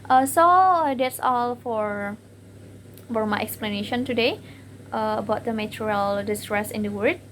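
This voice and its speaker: A woman's voice: on the high side, unhurried, slight background noise. A young woman giving a class presentation on word stress, hesitating with fillers and repeating each example word.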